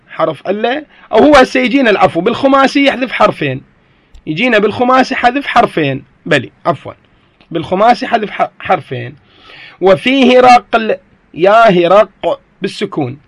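High-voiced man teaching Arabic grammar. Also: no echo. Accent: Iraqi Arabic. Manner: explains step by step, often checks if students follow. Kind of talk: classroom lesson explaining a grammar text.

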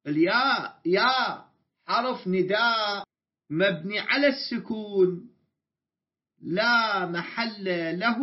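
An Iraqi man with a high voice, lecturing on grammar in a classroom. He draws out and repeats key words and puts questions to his students. The recording is dull and lo-fi. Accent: Iraqi Arabic. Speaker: Arabic grammar teacher.

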